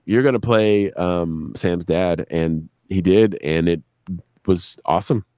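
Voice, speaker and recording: This man's voice sits low and dark, and he takes his time; the sound is clean studio audio with no room noise. He's an audio drama creator and director being interviewed on a live stream, loosely spinning profane, meandering stories and performing other people's lines.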